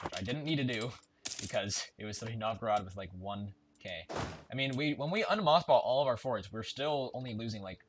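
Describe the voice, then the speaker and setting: This is casual let's-play commentary from a man with a lowish voice, recorded with background noise. Playing a strategy game, he chats and thinks aloud, correcting himself as he goes, while game music and keyboard typing sound behind him.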